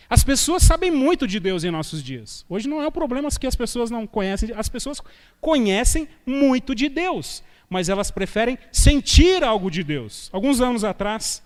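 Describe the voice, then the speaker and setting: A man preaches as a guest pastor in a church sanctuary, his voice sitting high. He keeps the sermon conversational, moving between anecdotes and rhetorical questions. The sound carries a long church reverb, as on a live stream. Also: a little mellow. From Brazil.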